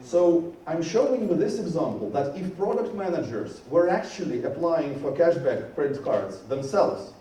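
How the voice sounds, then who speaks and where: The conference speaker, a man from Georgia, has a fairly high, expressive, warm voice and talks at a moderate pace with hardly any pauses. Earnest on stage, he restarts phrases often and rises with emphasis, far from the mic in a roomy hall with faint noise.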